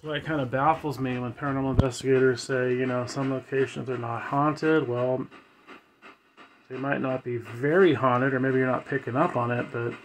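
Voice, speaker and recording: A man's voice: medium pitch, steady tone, normal speed, a little hiss or hum, low-quality recording. A man talking casually as a paranormal investigator, musing aloud and putting questions to spirits during a session at home.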